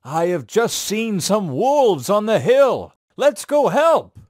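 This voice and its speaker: A man voicing a kindly older village mayor who speaks gently and calmly. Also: sits high, slow, no echo, studio quality, voice pushed up, heavily acted. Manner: gentle, calm warning.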